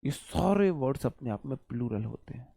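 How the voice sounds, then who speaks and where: A man's voice: mid-range voice, expressive, normal speed, vocal fry, warm tone, husky. A man teaching an online exam-prep lecture, chatty and repetitive, with joking asides to his students.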